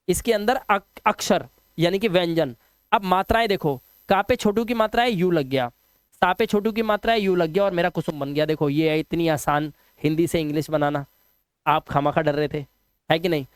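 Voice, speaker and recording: A man's voice: sits high, clear, resonant tone, no room sound, clean studio sound. A man teaching a video lesson, patient and repetitive, often asking the viewers questions. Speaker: English teacher. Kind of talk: classroom-style video lesson.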